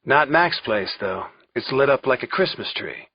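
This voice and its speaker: Male audiobook narrator, wry first-person thriller, husky, dull lo-fi sound. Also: mid-range voice, expressive, normal speed, no echo. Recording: dull lo-fi recording.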